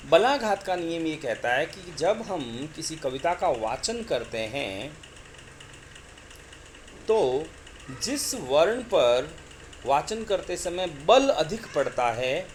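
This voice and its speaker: Guy teaching poetry rules, talks really slow, repeats himself, faint hiss in background. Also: a little high, big pitch swings. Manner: slow, repeats words, chants couplets drawn out. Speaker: college lecturer. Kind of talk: explaining Hindi poetics lecture.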